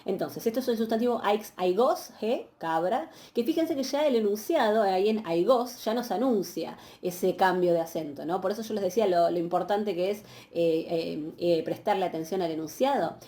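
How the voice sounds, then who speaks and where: Woman teaching a class, mellow warm voice, patient, lots of ums and checking in. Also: mid-range voice, normal speed, few pauses. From Argentina. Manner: patient, explanatory, frequent checking questions and fillers. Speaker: university Greek teacher. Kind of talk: recorded online lecture.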